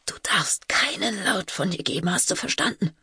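A woman voicing a panicked teenage girl who urges her little sister in hushed, urgent whispers, as whispered role-play. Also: fairly low pitch, animated, normal speed, slightly rough, dry recording, studio quality, pitched above the performer's own voice, exaggerated voice.

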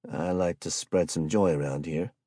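A man's voice: sits low, fairly even intonation, normal speed, dry recording, studio quality. Man doing a wary, grieving homeless man. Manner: soft, guarded and plain-spoken.

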